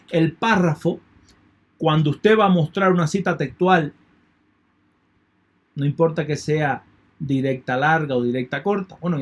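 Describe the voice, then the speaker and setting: A man teaching an online lecture in a methodical way, repeating key points and thanking his students. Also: fairly high pitch. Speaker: university lecturer.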